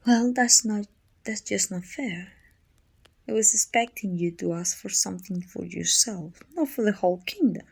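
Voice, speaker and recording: This woman's mid-range voice, husky and breathy with whispered edges, moves at a normal speed as she voices an imperious evil queen for ASMR roleplay. Domineering and haughty yet softening toward her little helper, she muses with teasing condescension, her mood one of relief and reluctant affection.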